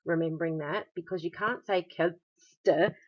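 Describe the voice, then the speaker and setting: Australian female language teacher, low-pitched voice, patient explainer, recorded lesson on a dull lo-fi recording. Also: moderate pace. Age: adult. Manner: patient, explanatory, with frequent "um" fillers. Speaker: German teacher.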